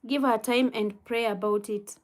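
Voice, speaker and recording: A Kenyan-accented woman hosts a casual livestream, reading out viewer comments and offering gentle, unhurried advice with soft laughs. Her voice is fairly high, with fairly even intonation.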